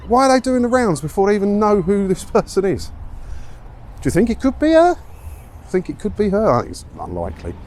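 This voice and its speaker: Out walking in a seaside town, an English vlogger offers casual commentary on news stories amid street noise and traffic. His darkish voice sits high and swings hugely in pitch at a normal speed, and he peppers his opinions with rhetorical questions.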